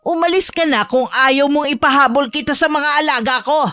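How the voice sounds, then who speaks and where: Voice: high voice, fairly quick, pushed and bright, no echo. A voice actor playing a stern, hostile old witch in a horror audio drama, speaking coldly and threateningly. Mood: menacing. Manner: cold and threatening. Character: stern, hostile old female witch who guards her garden.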